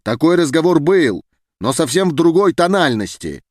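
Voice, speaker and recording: A man reading an audiobook, voicing a stern male official who speaks coldly and deliberately. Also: a little high, big pitch swings, no echo, studio quality, voice pushed up. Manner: cold, deliberate, authoritative. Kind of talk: audiobook character voice.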